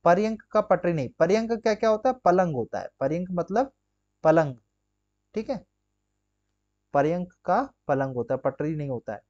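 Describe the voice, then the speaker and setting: A man's voice: on the high side, expressive, moderate pace, long pauses, a little mellow, dull audio. A man teaching an exam-prep grammar lesson, drilling students with rhetorical questions and constant check-ins. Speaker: Hindi teacher.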